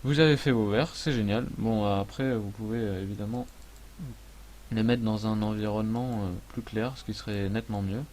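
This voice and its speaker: A man hosting a casual software tutorial, thinking aloud as he works, with frequent hesitations and friendly, self-mocking asides. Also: fairly low pitch, steady tone, moderate pace, a little hiss or hum. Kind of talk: casual screen-recorded tutorial.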